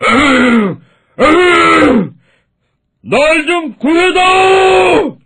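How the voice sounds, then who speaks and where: A man's voice: very animated, slow, heavy background noise. A blustering lion king. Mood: groaning. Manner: gruff, booming laughs and groans.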